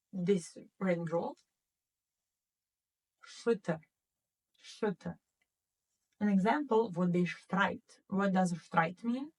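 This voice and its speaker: Woman, language teacher, unhurried delivery, quizzes the class, repeats each word, distant mic. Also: fairly low pitch. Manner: asks the class questions, repeats words twice. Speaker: German teacher. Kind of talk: slow classroom lesson explaining pronunciation.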